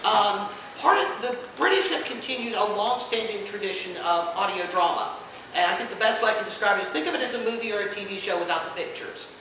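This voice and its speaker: Fast-talking and pushed, his high, bright voice has lively intonation as he hosts an informal convention panel and explains things with dry humor. The man co-hosts a podcast too. The echoey indoor room, a distant mic and background noise shape the sound.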